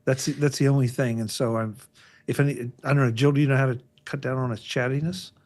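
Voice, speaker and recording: A man chatting casually as a podcast panelist, halting and often repeating his words as he goes. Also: mid-range voice, fairly even intonation, a little mellow.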